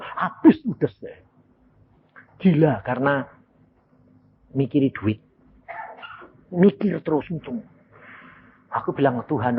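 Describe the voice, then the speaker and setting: Over narrow, tinny audio with a faint hiss or hum, an older man preaches. His storytelling is lively and animated: he performs the quoted characters' voices, his pitch leaping upward, while he mixes Javanese into his Indonesian and calls his listeners "saudara."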